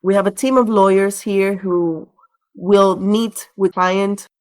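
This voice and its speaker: Slow and a little mellow, this woman's medium-pitched voice keeps fairly even intonation. The Venezuelan relocation director is a podcast guest answering interview questions conversationally, storytelling and explaining as she goes.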